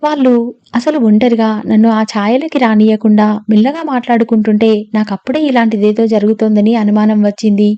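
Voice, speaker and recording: A woman's voice: a little high, fairly even intonation, fairly quick, highs cut off, lightly acted. A woman reading the part of a spirited young woman who protests emphatically in a storybook reading. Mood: indignant.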